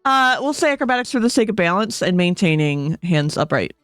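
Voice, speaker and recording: A woman acting as game master of a streamed tabletop game, playful and quick to laugh, with halting restarts. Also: fairly low pitch, big pitch swings, fairly bright tone, smooth, no echo, soft background music.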